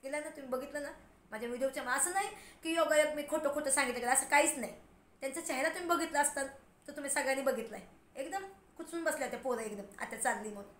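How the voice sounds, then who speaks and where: A woman in a casual personal vlog, rambling emotionally and talking straight to her viewers. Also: high-pitched. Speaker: vlogger. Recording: roomy echo, faint background noise.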